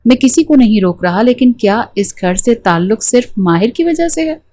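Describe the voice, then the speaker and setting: A woman's voice: a little high, animated, moderate pace, warm tone, lightly acted. Woman reading young husband in a romance story, sweet but bossy, lectures kinda firm. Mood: reproachful. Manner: tender yet firm, lecturing.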